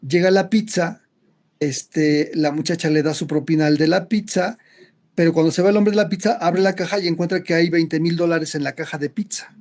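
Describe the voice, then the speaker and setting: A man's voice: a little high, fairly even intonation, moderate pace, a little mellow. A man, a psychologist explaining ideas conversationally, with frequent restarts. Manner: storytelling, acts out quoted characters. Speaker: psychologist guest.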